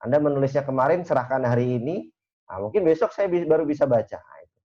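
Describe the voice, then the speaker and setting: A man's voice: mid-range voice, lively intonation, quick pace, mellow. Male lecturer, casual explaining, many fillers, dull lo-fi sound. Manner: conversational, uses many fillers. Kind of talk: university lecture. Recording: dull lo-fi recording.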